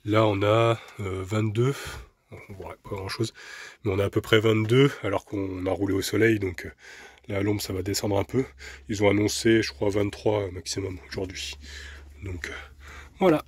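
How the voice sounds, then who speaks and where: A man from France filming a casual travel vlog outdoors on a handheld camera, chatty and relaxed, with soft laughs and hesitant fillers. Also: fairly low pitch, moderate pace, breathy edge, no echo. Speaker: travel vlogger. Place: outdoors, walking around a van and an old town.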